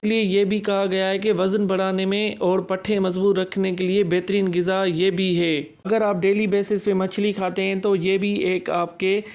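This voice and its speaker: Male host, even and monotone, runs through numbered diet tips in a plain list style. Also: high voice, hardly any pauses. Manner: steady list-like delivery with English words mixed in. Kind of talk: numbered advice talk.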